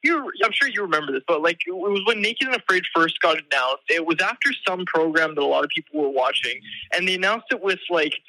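A man's voice: fairly high pitch, lively intonation, a little fast, bright, forceful tone, no room sound, low-quality recording. A man heard over a speakerphone call as an impromptu podcast guest, bantering casually and riffing jokes.

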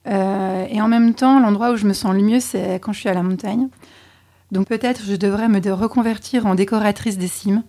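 A woman chatting candidly as a podcast co-host being interviewed, often pausing with hesitations. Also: mid-range voice, steady tone, mellow. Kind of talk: casual interview answers.

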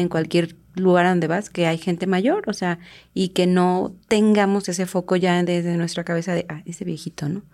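A woman, co-hosting a casual podcast in a relaxed way with lots of fillers. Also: on the low side. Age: 30s. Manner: relaxed, talks with many fillers. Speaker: podcast co-host.

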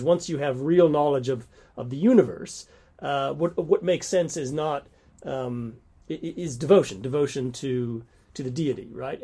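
A man's voice: medium pitch, mellow. A man who teaches at a university, talking casually about course lectures, thinking aloud with many restarts and stumbles.

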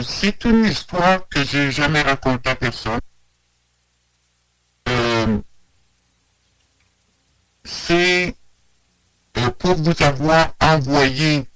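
A man's voice: mid-range voice, a bit bright. Man behind a distorting voice changer. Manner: hesitant, many pauses and fillers. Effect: voice changer with added distortion. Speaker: guest telling a personal story. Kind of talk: slow personal storytelling.

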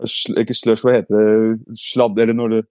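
Guy explaining stuff casually, mellow dark voice, lots of ehs and restarts, dry sound. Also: fairly low pitch, level tone, dry recording. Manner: reflective, with hesitations and restarts. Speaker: speaker.

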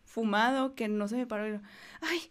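A young woman talks in a fairly high voice. She is animated and slangy, and she acts out the quotes in her stories. Her delivery sounds like relaxed chat between friends on a podcast. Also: fast, smooth. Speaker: podcast co-host. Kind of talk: casual chat.

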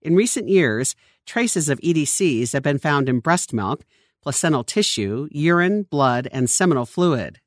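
A narrator giving an expressive scripted reading of a long-form news feature article. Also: mid-range voice, a little slow, dry recording, studio quality.

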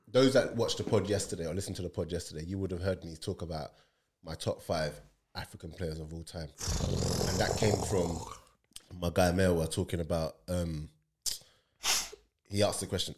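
A man, co-hosting a casual football podcast, animated and talking over his co-host. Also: sits low.

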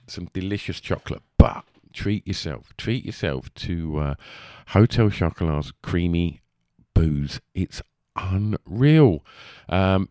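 A man's voice: sits low, darkish tone, no echo, studio quality. A man with an Essex accent and a lisp, hosting a podcast in a rambling, chatty, casual way. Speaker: podcast host.

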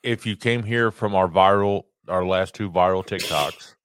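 A man's voice: sits low, moderate pace, clear, resonant tone, dry recording. A man chatting casually as co-host of a podcast. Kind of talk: casual chat.

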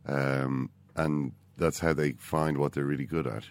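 An Irish-accented man explaining things in a measured, tentative way in a casual sports discussion. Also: very deep voice, fairly even intonation, clear, resonant tone, no room sound. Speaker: sports podcast co-host.

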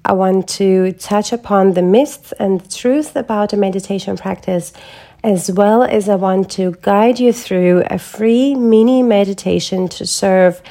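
Calm, mellow-voiced woman podcast host. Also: medium pitch, a little slow. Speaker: podcast host and holistic health coach. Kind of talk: scripted solo podcast talk.

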